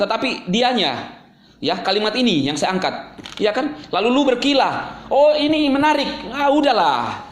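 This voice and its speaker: A man's voice: high voice, echoey room. A man hosting his own channel, delivering a scolding, sarcastic rant straight at a rival. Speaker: YouTube channel host. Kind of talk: angry ranting monologue to camera.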